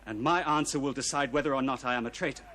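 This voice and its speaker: An actor playing a young boat commander in a period television drama, guarded, clipped and defensive. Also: male voice, medium pitch, racing, bright, forceful tone, a little hiss or hum, natural voice. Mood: guarded defiance. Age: young adult.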